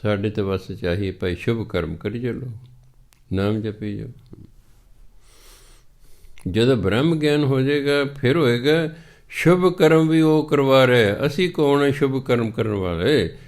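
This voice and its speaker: A man with a Punjabi accent giving a scripture sermon, reciting verses slowly and then explaining them patiently in plain talk. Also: mid-range voice, darkish tone. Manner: patient, teacherly, repeats points.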